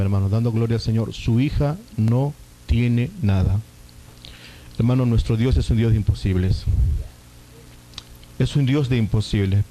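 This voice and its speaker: Mellow-voiced man preaching a sermon. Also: medium pitch, poor audio. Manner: addresses listeners as brothers often; tells a personal testimony. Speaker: pastor.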